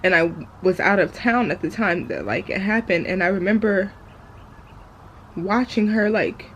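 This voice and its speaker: Woman, medium pitch, confessional vlog talk, halting and subdued delivery, faint background noise. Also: expressive, low-quality recording. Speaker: vlogger.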